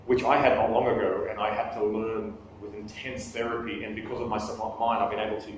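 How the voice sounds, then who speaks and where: In a fairly low voice with little pitch movement, a man in his thirties speaks briskly at a live talk with questions, keeping it casual, self-deprecating, and full of restarted sentences. A table camera on the far side of the small meeting room records him, leaving his voice distant and very echoey over faint background noise.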